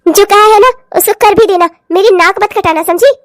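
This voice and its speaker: A woman's voice: very high-pitched, moderate pace, no room sound. A bossy cartoon mother-in-law. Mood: scolding. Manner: scolding, boastful. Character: bossy nagging middle-aged mother-in-law.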